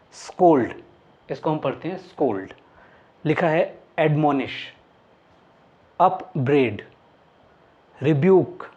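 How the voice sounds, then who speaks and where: शब्द याद कराता हिंदी शिक्षक, धुंधली recording. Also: male voice, a little high, darkish tone. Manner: explains step by step, asks and answers his own questions. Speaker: English vocabulary teacher. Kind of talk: Hindi lesson explaining mnemonics. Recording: dull lo-fi sound.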